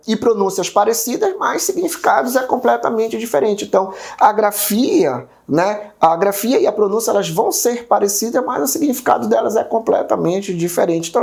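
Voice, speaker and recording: Lively gravelly Brazilian male teacher. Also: high voice. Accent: Brazilian Portuguese. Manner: explanatory, constant tag questions. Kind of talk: exam-prep video lesson.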